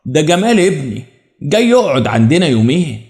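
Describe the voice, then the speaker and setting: Henpecked Egyptian dad, hesitant and apologetic, voice set a bit high, as the narrator plays him. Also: male voice, big pitch swings, fairly quick, darkish tone. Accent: Egyptian Arabic. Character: timid, henpecked middle-aged father.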